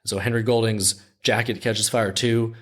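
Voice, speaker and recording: Low-voiced man casually retelling a story. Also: fairly even intonation, normal speed. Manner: conversational, with frequent restarts. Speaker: podcast host.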